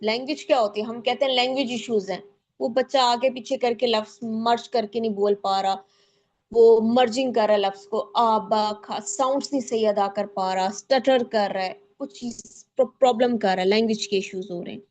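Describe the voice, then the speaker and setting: Female guest lecturer, slightly high-pitched, patient explainer who repeats and restarts phrases. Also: steady tone, moderate pace, darkish tone. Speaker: guest speaker, child psychologist.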